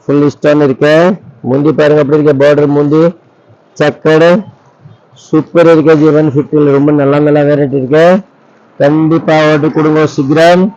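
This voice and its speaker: A man with an Indian accent giving an enthusiastic, repetitive shop sales pitch, urging viewers on and tossing out rhetorical questions. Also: level tone, moderate pace, a little mellow, no room sound, highs cut off. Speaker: saree shop owner and sales presenter.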